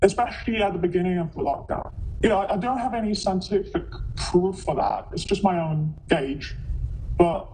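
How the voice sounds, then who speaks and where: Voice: normal speed, darkish tone, rough recording. A guest from China with an electronically disguised voice, talking reflectively in an interview. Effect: voice disguiser altering pitch and timbre. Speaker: podcast guest, activist. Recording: rumbly background noise, strange processed audio.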